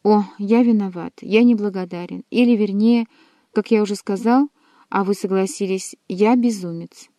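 A woman's voice: medium pitch, moderate pace, dark tone, no room sound, studio quality, natural voice. A woman voicing an ardent, jealous young male nobleman who pleads his love. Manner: pleading, impassioned.

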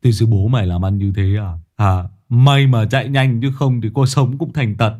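A man's voice: mid-range voice, fairly even intonation, normal speed, dark tone, lightly acted. A man voicing a wary young male sidekick who speaks bluntly and hurriedly.

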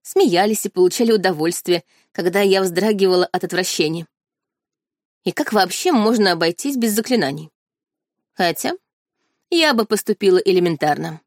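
A woman's voice: medium pitch, animated, normal speed, dry recording, studio quality. A woman reading a first-person audiobook with a wry, haughty tone. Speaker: audiobook narrator.

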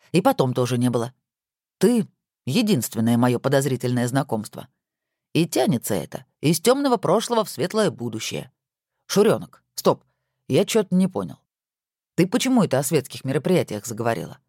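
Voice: medium pitch, darkish tone, dry recording, clean studio sound. A reader voicing a good-natured husband who banters playfully with his wife, in a storybook reading.

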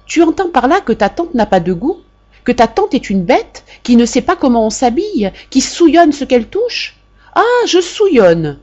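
Woman reader doing a domineering middle-aged mother, shrill, indignant, scolding, voice pitched high, dull lo-fi sound. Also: very animated, moderate pace, warm tone, slightly rough. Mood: furious.

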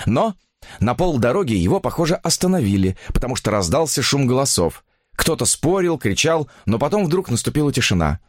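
A man reading a story aloud as narrator in an expressive, dramatic way. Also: medium pitch, a little fast, no echo, clean studio sound. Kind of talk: audiobook reading.

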